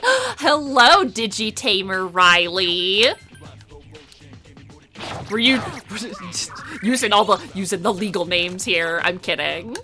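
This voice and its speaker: A woman giving casual let's play commentary as a video game streamer, excitable and prone to sudden shrieks and shouts. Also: a little high.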